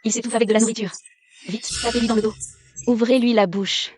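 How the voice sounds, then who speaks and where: Woman acting a defiant, sharp-tongued young wife. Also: on the high side, fairly even intonation, fast talker, slight background noise, natural voice. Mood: urgent, commanding. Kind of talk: dubbed short-drama acting.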